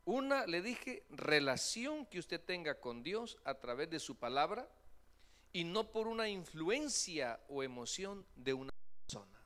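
In a church sanctuary, a male pastor delivers a lively sermon with a fairly high pitch and an unhurried pace. He animatedly acts out quoted voices and trades jokes with his congregation.

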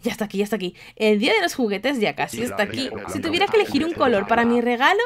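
A woman's voice: on the high side, sing-song, rapid-fire, crowd noise. A woman with a Spain Spanish accent reading aloud the lines of a chatty, nostalgic male villager from a video game.

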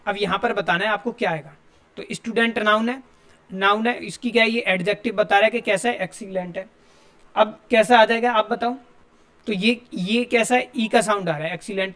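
High-pitched male teacher explaining grammar. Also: a bit bright. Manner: explains step by step, asks students questions. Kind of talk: classroom grammar lesson.

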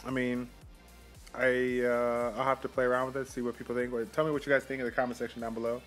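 A young man hosting a mobile game channel, casually commenting on his summons with quick excited outbursts, recorded on a phone mic. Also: mid-range voice, soft background music.

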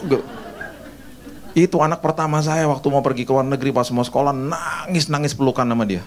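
A man's voice: mid-range voice, a little fast, a little hiss or hum. A middle-aged man preaching in a church service, telling chatty, jokey anecdotes. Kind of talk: humorous sermon storytelling.

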